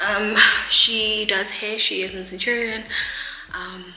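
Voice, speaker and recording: A woman's voice: medium pitch, little pitch movement, slow. Brief: young South African woman, casual vlog talk, echoey room, noticeable noise behind. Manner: chatty, laughs often, mixes in Zulu words. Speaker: realtor vlogger.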